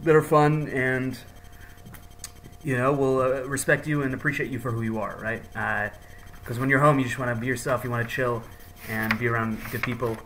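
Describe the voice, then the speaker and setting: A man's voice: medium pitch, steady tone, moderate pace, fairly bright tone, a little hiss or hum, rough recording. A man hosting a podcast in a casual, jokey, hyped-up chatting style. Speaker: podcast host. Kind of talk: casual chat.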